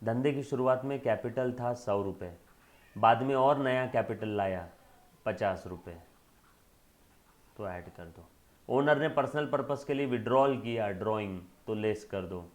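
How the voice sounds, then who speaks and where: Man, lecturer, emphatic classroom style, rhetorical check-ins, medium pitch. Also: a little slow. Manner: addresses students fondly as children. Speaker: accountancy lecturer.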